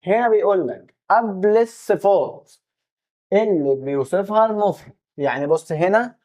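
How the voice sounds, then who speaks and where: A man's voice: high voice, expressive, normal speed, a little mellow. A young man with an Egyptian Arabic accent, explaining an English lesson casually and acting out both sides of imagined student questions. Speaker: English teacher.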